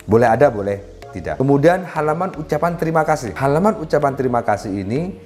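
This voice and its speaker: A man giving a lesson on writing, walking through points one by one and addressing his listeners politely as ladies and gentlemen. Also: mid-range voice, lively intonation, fast. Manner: addresses listeners as "Bapak Ibu", lists points step by step. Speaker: writing instructor. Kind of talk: explanatory lesson. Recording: faint background music.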